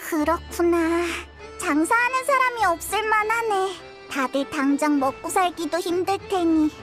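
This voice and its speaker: A woman's voice: very high voice, unhurried. A woman voicing a small, chirpy, fairy-like female companion in a video game, bubbly, chatty and childlike. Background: game music.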